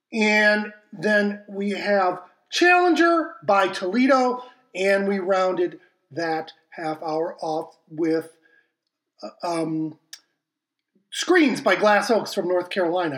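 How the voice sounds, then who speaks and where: A man's voice: high voice, fairly bright tone. A man hosting a music podcast, casually rambling and apologizing through an echoing, reverberating sound from his broken mic setup, with many fillers. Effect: echoey reverberating sound from a broken mic setup. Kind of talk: casual chat introducing songs. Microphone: faulty home podcast mic.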